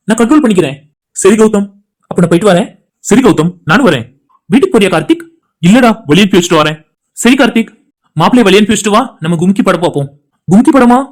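Fast-talking high-voiced man voicing cartoon friends. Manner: rapid, chatty everyday banter between friends. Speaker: cartoon channel creator voicing all characters. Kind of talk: cartoon dialogue voice acting.

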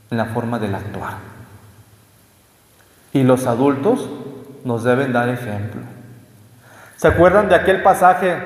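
High-voiced priest in echoey hall. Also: male voice. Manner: conversational preaching, asking listeners rhetorical questions. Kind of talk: homily.

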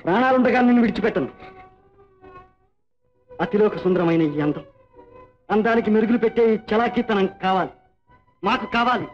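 A man's voice: high-pitched, a little fast, long pauses, muffled recording, close to an everyday voice. An actor playing a rich, boastful male chieftain who insists on keeping the girl he bought, in old film dialogue. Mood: possessive.

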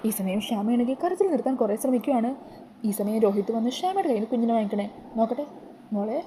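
A woman narrating a TV serial plot in a chatty, colloquial way. She talks very fast in a slightly high, mellow voice. A faint hum of ambience sits underneath. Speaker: storyteller. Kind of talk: casual retelling of a TV serial episode.

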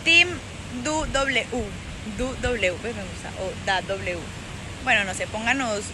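A young woman from Antioquia, Colombia, speaks slowly in a paisa accent, her voice on the high side with lively intonation. She chats playfully into an arm's-length phone for a casual selfie vlog, outdoors at a beach and later at a club, with background noise.

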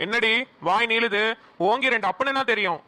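A woman voicing a stern, grumbling middle-aged village father with a Kanyakumari Tamil accent, who scolds gruffly. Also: a little high, fairly quick, sharp tone. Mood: angry.

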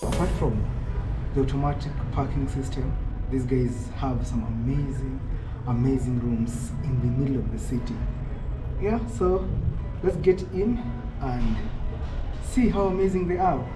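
A man's voice: medium pitch, measured pace, poor audio. A man in his thirties hosting a casual travel vlog, upbeat and mixing English with Swahili, filmed at arm's length in a car. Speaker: travel vlogger host. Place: parked car, indoors. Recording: loud background music.

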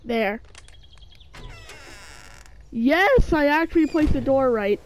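Over a faint hiss or hum, a woman with a high, animated voice takes her time narrating her survival game. She's a gaming channel host doing casual let's-play commentary while sick, her voice sounding off, and she rambles with plenty of fillers and restarts.

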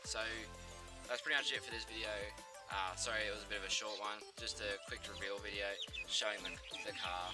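A man's voice: on the low side, low-quality recording. A young man in his twenties hosting a car vlog outdoors, talking casually with slang and the odd swear. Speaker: car channel host. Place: outdoors in a gravel yard.

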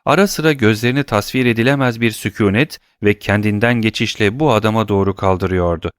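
A man reading an audiobook in a steady, even narration. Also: lowish voice, fairly quick, clean tone, no echo, studio quality.

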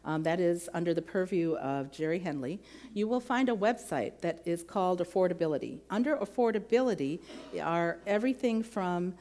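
A middle-aged woman from the American Midwest, a provost candidate, speaks at a campus forum in a lecture hall, wearing a lapel mic. She's earnest and detailed, with a fairly low, slightly mellow voice, lively intonation, and normal pace.

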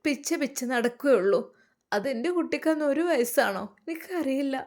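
A tearful young mother with a Malappuram lilt, acted by a woman, begging her children's forgiveness between sobs. She talks softly and keeps her voice up on the high side. The piece is a storybook-style spoken tale. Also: expressive, moderate pace. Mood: tearful pleading. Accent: Malappuram Malayalam. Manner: soft, pleading, tearful. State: crying.

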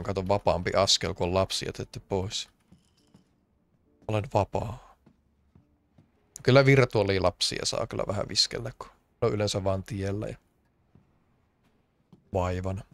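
Gravelly low-voiced male streamer. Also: fairly even intonation, long pauses. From Finland. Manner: rambling, joking, complaining. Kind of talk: casual let's-play commentary.

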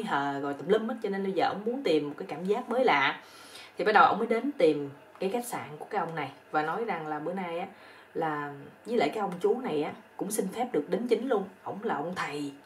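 A woman with a Southern Vietnamese accent telling a comic story in a rapid, chatty, colloquial way. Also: fairly low pitch, distant mic, a little hiss or hum.

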